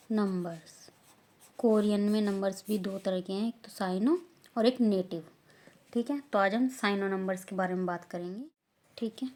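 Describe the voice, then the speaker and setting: A woman from India with an Indian accent, teaching a beginner language lesson, saying each word slowly and loudly and repeating it. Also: mid-range voice.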